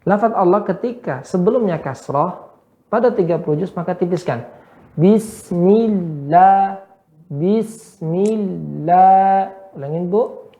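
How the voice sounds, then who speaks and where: A woman teaching Quran recitation one-on-one, patiently correcting and modeling sounds slowly. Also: on the low side, lively intonation, darkish tone. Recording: roomy, dull lo-fi sound.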